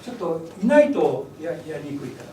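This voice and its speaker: A man's voice: on the high side, very animated, a little fast, dark tone. A man leading an English speech workshop, lecturing energetically and breaking into English demonstrations. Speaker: workshop instructor. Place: event hall. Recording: echoey hall from far off, noisy.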